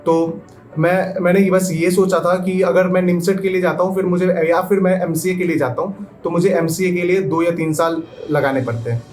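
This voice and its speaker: Young man, fairly high pitch, hesitant, filler-heavy interview guest, faint music. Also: steady tone, normal speed, a little mellow. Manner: hesitant, many fillers, mixes English into Hindi. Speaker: guest software engineer. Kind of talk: interview answers.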